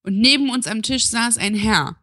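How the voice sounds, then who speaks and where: A woman from Saarland, co-hosting a podcast and chatting casually with dry, relaxed storytelling. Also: on the high side, normal speed, dry recording. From Saarland, Germany. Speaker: podcast co-host. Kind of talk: casual chat.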